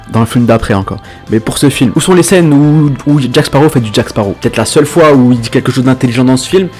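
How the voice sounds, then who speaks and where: A man's voice: on the low side, a little mellow. A man reviewing films in a casual, blunt monologue, ranting with slangy exasperation. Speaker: film reviewer. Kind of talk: casual film critique monologue.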